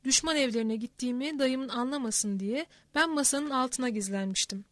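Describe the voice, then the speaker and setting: Female audiobook narrator, high voice, steady even read; dry close mic. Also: normal speed, no echo. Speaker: audiobook reader. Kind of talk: scripted narration.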